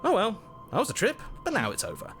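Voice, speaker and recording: A man voicing a jittery, mischievous, doubting inner voice in a video game, conversational and animated. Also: high voice, quick pace, creaky, soft background music, full character voice. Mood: bewildered.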